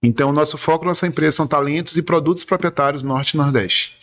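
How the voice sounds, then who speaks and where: On a radio interview, a man from advertising and entertainment explains things earnestly and at length, rambling and often restarting his sentences. His voice is on the high side and a bit bright, and he talks quickly. The sound quality is lo-fi.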